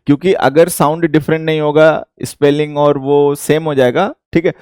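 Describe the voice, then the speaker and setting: An English teacher from India with an Indian accent, explaining a lesson slowly and repeating each point. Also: male voice, on the high side, flat delivery, a little mellow, smooth, no echo, clean studio sound.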